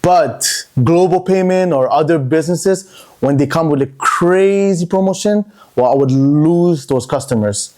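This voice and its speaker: A Montreal entrepreneur, guesting on a casual podcast interview, relates his story with chatty, circling talk that repeats words. His darkish voice is on the high side, and he keeps a measured pace.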